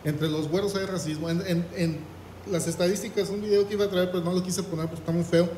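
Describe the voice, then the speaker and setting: A man's voice: high voice, fairly even intonation, fast, warm tone, roomy sound, a little hiss or hum, low-quality recording. A man preaching a sermon, reading scripture aloud and asking the congregation questions. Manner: reads scripture aloud, asks the congregation "¿qué?".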